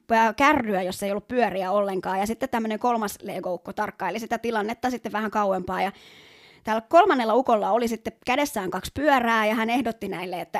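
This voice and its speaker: A woman co-hosting a casual talk, recounting workplace stories with a few fillers and restarts. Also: fairly high pitch. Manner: storytelling, with fillers and small restarts. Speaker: podcast co-host. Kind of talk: casual conversational podcast.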